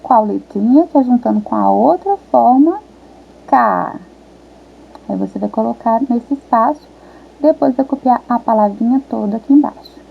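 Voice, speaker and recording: Woman teacher, fairly high voice, patient, sounds out syllables, tinny phone-line audio. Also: expressive, gravelly, slightly rough. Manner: patient, sounds out syllables slowly and repeats words. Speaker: primary school teacher. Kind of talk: remote lesson walking young children through a worksheet.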